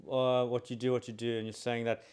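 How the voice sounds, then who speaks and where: A man's voice: mid-range voice, level tone, fairly quick, darkish tone, clean tone. A man who is a podcast guest, chatting casually and enthusiastically affirming the host. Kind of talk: casual chat.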